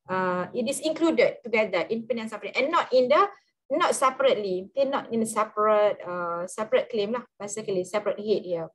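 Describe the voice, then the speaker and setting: A woman's voice: medium pitch, animated, a little fast, poor audio. A woman with a Malaysian English accent lecturing on law in an online class, heard on a screen recording from a computer mic and saying "okay" over and over as she explains each point.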